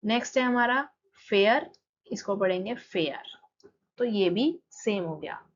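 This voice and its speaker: A woman teacher with an Indian accent patiently walking students through textbook exercises, reading English lines aloud slowly and explaining them. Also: mid-range voice, animated, slight background noise. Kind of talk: exercise walkthrough lesson. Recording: slightly dull lo-fi recording.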